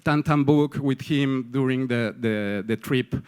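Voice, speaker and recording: Male panelist; slow, crystal-clear voice, hesitant delivery. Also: mid-range voice, a little mellow. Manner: halting, many fillers and restarts, tag "no?". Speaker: artist panelist. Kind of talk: panel talk presenting a project.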